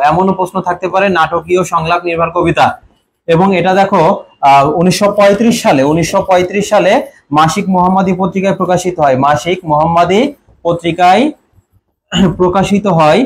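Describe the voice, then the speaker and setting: A young admission coaching teacher with a Bangladeshi Bengali accent talks fast in a high, steady voice with vocal fry during a live online exam-prep class. He quizzes students repeatedly, answers his own questions, and reads commenters' names. Slight background noise is present.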